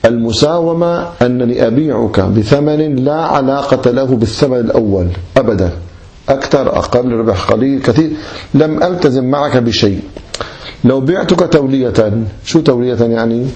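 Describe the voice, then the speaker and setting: Brief: man, mellow tone, lecturer on Islamic law who keeps putting questions to his class and answering them himself. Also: mid-range voice, fairly quick. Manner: addresses listeners as brothers, poses and answers his own questions.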